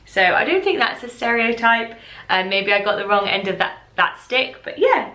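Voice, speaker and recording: English woman, 20s, vlogger; chatty, bright tone, echoey room. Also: fairly high pitch, big pitch swings, moderate pace. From England. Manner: chatty, talks straight to her viewers. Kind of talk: casual reaction commentary.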